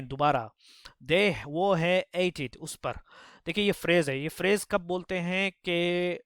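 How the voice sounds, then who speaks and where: A man's voice: on the high side, a bit bright, clean tone, no echo, clean studio sound. A man teaching spoken English, reading story lines aloud and explaining them phrase by phrase. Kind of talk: Hindi-language spoken English lesson.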